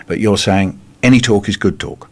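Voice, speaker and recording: A man's voice: on the low side, normal speed, darkish tone. An older man, working as a radio presenter, narrating and interviewing on location.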